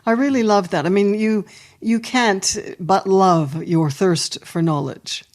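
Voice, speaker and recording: A woman's voice: medium pitch, takes it slowly, a little mellow. A woman in her sixties hosting a podcast, chatty and enthusiastic as she talks with her guest. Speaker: podcast host. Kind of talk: podcast interview.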